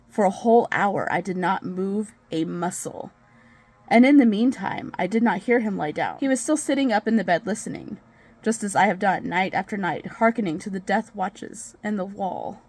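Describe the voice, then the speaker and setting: A woman's voice: medium pitch, moderate pace, a little mellow, breathy edge. Lady doing a crazed nervous killer confessing, hammy stage actor style, gothic horror story, midrange voice. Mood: sly, tense. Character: crazed, nervous murderer confessing with gleeful, obsessive intensity.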